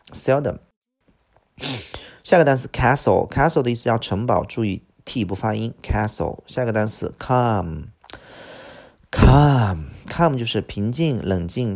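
A middle-aged man teaching English vocabulary, stumbling over filler words and slowly repeating each word he teaches. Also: fairly low pitch, vocal fry, darkish tone. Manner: lots of "这个" filler, drawn-out slow repeats of words. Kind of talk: vocabulary lesson.

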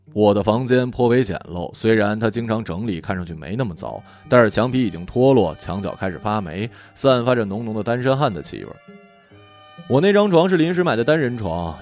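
A man narrating a first-person story in a calm, reflective way. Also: on the low side, dry recording.

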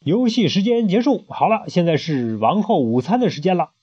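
A man voicing a haughty, spoiled and childish queen who squeals orders in a high voice. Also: expressive, normal speed, warm tone, husky. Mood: bossy shrill. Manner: shrill, bossy, squealing. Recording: muffled lo-fi home recording.

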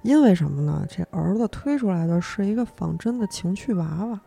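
A young woman narrating a horror story as podcast host, acting out each character's lines with sudden jumps in pitch. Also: brisk, gravelly. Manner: animated telling, acts out the characters' lines with sharp pitch jumps.

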